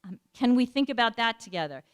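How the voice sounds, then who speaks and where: A woman giving a community talk, earnest and searching for words with fillers and pauses. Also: on the high side, expressive, smooth. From United States. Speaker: panel speaker.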